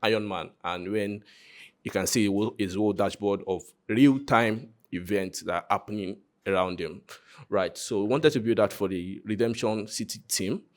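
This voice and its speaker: A man's voice: lowish voice, moderate pace. A Nigerian man giving an informal, conversational live presentation of his project, joking and speaking directly to his listeners. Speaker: content creator presenting a hackathon project.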